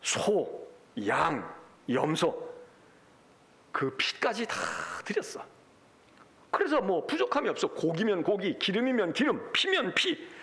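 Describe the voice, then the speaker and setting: A male pastor preaching a Sunday sermon, acting out God's complaints in an animated, emphatic way. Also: sits high.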